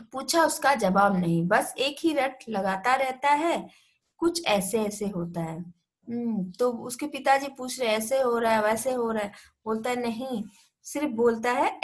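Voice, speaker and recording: A woman teacher who reads a passage from a textbook story aloud, then retells it in simpler words, putting on small voices for the family. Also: fairly high pitch. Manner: acts out the family's lines in slightly changed voices. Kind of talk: reading and explaining a textbook lesson.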